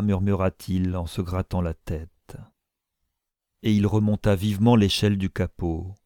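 A man narrates a classic novel, expressive and measured. His voice is low, gravelly and dark, with lively pitch movement. The sound is dry and close. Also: no echo.

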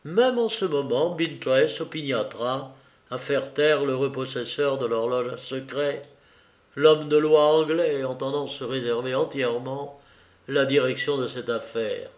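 A man reading a novel aloud with measured, dramatic pauses, in an echoey room. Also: medium pitch. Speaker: audiobook reader.

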